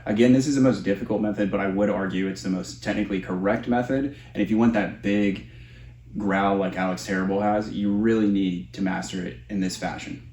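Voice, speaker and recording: A man's voice: fairly low pitch, steady tone, brisk, darkish tone, slight background noise. A man giving a casual, explanatory tutorial as a vocal coach. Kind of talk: instructional tutorial with vocal demonstrations. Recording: roomy echo.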